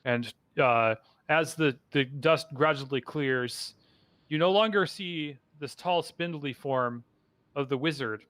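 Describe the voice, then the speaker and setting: A man's voice: a little high, slow, fairly bright tone, no echo. A man narrating a tabletop game as dungeon master, stumbling through restarts and fillers.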